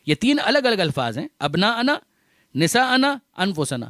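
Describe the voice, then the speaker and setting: High, lively-voiced male preacher. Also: no echo, studio quality. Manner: explanatory, repeats key phrases, mixes in English terms; recites Arabic verses, then explains them. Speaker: religious scholar giving a majlis lecture. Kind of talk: Urdu religious sermon. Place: religious centre gathering.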